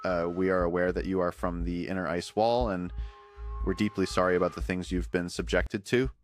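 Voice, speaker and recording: A man's voice: deep voice, flat delivery, fairly quick, soft background music, lightly acted. A man voicing a stern but sympathetic male officer in a storytelling video, speaking formally and earnestly.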